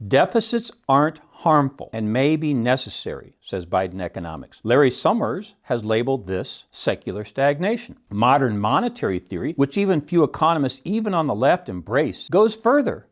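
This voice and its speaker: Wry, lively-voiced man scoffing. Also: mid-range voice. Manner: wry, scoffing, laughs at his own points. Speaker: podcast host and economics teacher. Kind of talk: solo podcast commentary.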